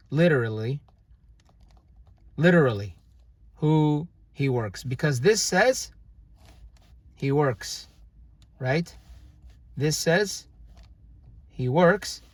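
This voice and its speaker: A young man with a fairly high, animated voice teaches a laid-back grammar lesson as a language teacher. He explains at a leisurely pace, stopping and restarting and leaning on fillers, with no echo present.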